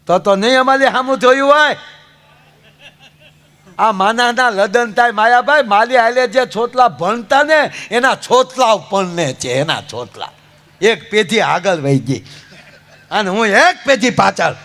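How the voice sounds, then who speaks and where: A man's voice: fairly high pitch, huge pitch swings, fast talker, hardly any pauses, pushed and bright, pitched below the performer's own voice, exaggerated voice. A man voicing a whiny, stammering middle-aged groom. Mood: whining. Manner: lisping, whining speech.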